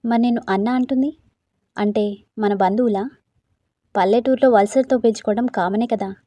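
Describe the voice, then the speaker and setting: Female storyteller, mellow voice, dry close recording, voices all the characters plainly. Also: fairly high pitch, fairly even intonation, normal speed, no room sound.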